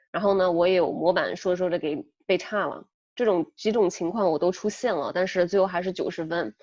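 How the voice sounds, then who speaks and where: A woman's voice: medium pitch, darkish tone, dry recording, lo-fi sound. A young woman tutoring for an English test, explaining in a chatty way with many fillers, talking through a headset. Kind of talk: casual spoken lesson.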